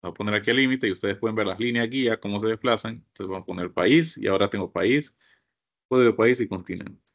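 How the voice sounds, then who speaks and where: A man's voice: lowish voice, quick pace. A man teaching a computer course, walking his class through each step and often asking them to look. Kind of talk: screen-share software lesson.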